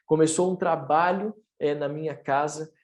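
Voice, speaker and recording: For an online church service, a pastor in his thirties shares his testimony with earnest, preacherly rising emphasis. His fairly high voice is steady and somewhat dark, at a normal speed.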